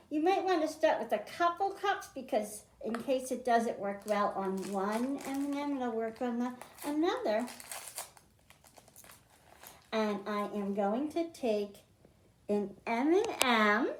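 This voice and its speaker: Recorded in an echoey library room with a bit of hiss or hum, a woman with a fairly high voice reads a picture book to kids. She emphasizes the m sounds storytime-style, then goes on to explain a science activity.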